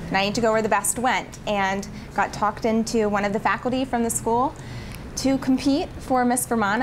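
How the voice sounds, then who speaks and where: Young woman, poised chatty pageant answers, normal pitch, lots of background noise. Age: young adult. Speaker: pageant titleholder being interviewed. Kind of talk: interview answers. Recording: noisy room ambience.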